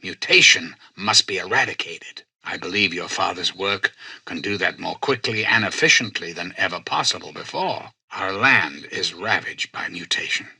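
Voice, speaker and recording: A male actor playing a self-styled president in a video game, a calculating artificial intelligence who speaks in formal, measured, persuasive oratory. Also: deep voice, animated, creaky, pushed and bright, husky, no room sound, heavily acted. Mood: grave, zealous. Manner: grandiose, measured, courteous, persuasive. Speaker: president addressing personnel and listeners.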